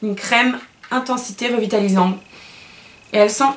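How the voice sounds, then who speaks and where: A woman's voice: medium pitch, steady tone, moderate pace. A woman beauty vlogger chatting casually while unboxing products, gushing and chatty with many fillers and self-corrections.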